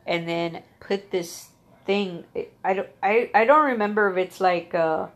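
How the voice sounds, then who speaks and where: A young adult woman candidly telling her own story, swearing freely, laughing at it, and acting out quoted lines with big jumps in pitch. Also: measured pace. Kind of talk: personal storytelling monologue.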